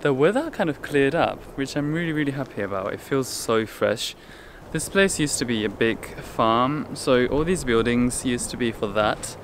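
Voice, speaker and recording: In this casual travel vlog, a young man shows off a countryside guest house, going from the rooms inside to a snowy farmyard outdoors. His mid-range voice is expressive and fairly bright at a normal pace, chatty and upbeat with lots of ums. He films himself at arm's length on a handheld camera, with slight background noise.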